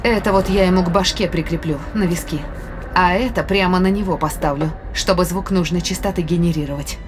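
In a science fiction audio drama, an actress plays a spaceship scientist who is brisk, curious and dryly commanding, her mood probing. Her fairly low female voice is lightly acted and sits over music.

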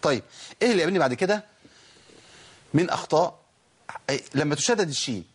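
Fast-talking Egyptian male recitation teacher. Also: a little high, animated, breathy edge. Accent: Egyptian Arabic. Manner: asks rhetorical questions and answers them himself; stretches out letters slowly to demonstrate pronunciation. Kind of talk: recorded recitation lesson.

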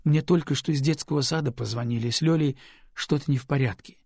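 A husky-voiced man voicing a worried young mother who pleads gently with her daughter, read for an audiobook. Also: fairly high pitch, fast, dry recording, studio quality. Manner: pleading, tender.

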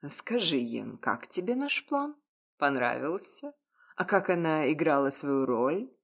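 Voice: medium pitch, big pitch swings, a little slow, creaky, fairly bright tone, heavily acted. A reader voicing a mocking, gloating male werewolf clan leader in an audiobook. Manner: mocking, taunting. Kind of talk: audiobook character voice.

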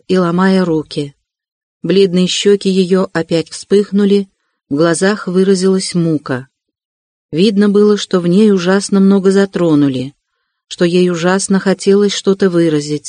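A man narrating an audiobook in a steady, even reading of literary prose on a studio mic. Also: high voice, no room sound.

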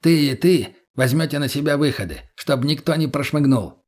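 A man's voice: fairly high pitch, moderate pace, a little mellow, close to an everyday voice. A man voicing a curt army colonel. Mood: briefing. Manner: curt, commanding. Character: gruff older army colonel, curt commander.

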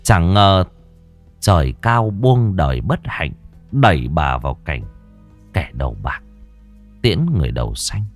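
With a low, very animated voice, this narrator takes his time and pauses often over faint background music. He reads a scripted ghost story near the mic in a dramatic, mournful manner.

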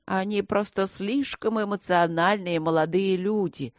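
A woman voicing an old male magister who talks in a measured, placating way. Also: medium pitch, fairly even intonation, no room sound, clean studio sound, lightly acted.

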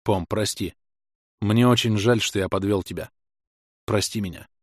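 An impulsive young warrior-mage hero who yells through fights and pleads hard for forgiveness, voiced by a male audiobook reader. The delivery swings widely in pitch. The sound is dry and close, with no room around it. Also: sing-song, moderate pace, dry recording. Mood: pleading. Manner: shouting in battle, pleading apologies. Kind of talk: audiobook character voice.

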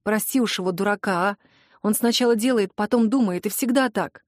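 A woman's voice: mid-range voice, a little fast, dry recording, clean studio sound, lightly acted. A woman voicing a tired, middle-aged mother who scolds her son in the yard. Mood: scolding. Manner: scolding, exasperated.

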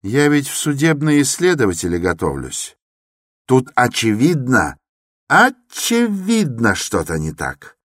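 A man reading an audiobook, voicing an eager, excitable young law student who talks urgently and insistently. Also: mid-range voice, slow, no echo, studio quality, pitched above the performer's own voice, heavily acted. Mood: excited.

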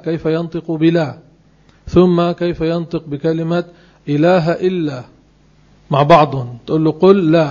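Male religious teacher, emphatic and slow on key phrases, fairly high voice on a dull recording. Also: a little mellow. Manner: emphatic, spells out phrases slowly word by word. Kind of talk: religious lesson.

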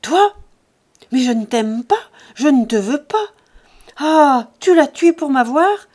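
A woman reading an audiobook, voicing a furious young farm woman who scornfully shouts down a man. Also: sits high, lively intonation, takes it slowly, pitched above the performer's own voice.

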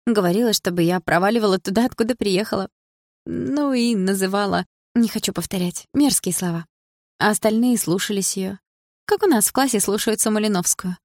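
A woman reading an audiobook, voicing a sharp-tongued but vulnerable teenage girl in a raised, higher voice. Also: brisk, no room sound, clean studio sound, close to an everyday voice. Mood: hurt. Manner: raised higher voice, snappish retorts.

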